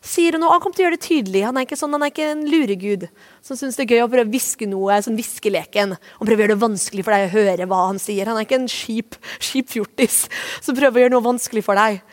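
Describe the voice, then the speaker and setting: A woman pastor giving a sermon, earnest and repeating short phrases for emphasis, then leading a spoken prayer. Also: on the high side.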